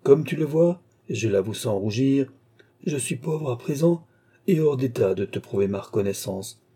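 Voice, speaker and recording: A man reading the part of a calm, dignified nobleman officer in an audiobook. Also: mid-range voice, breathy edge. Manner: measured, dignified, firm.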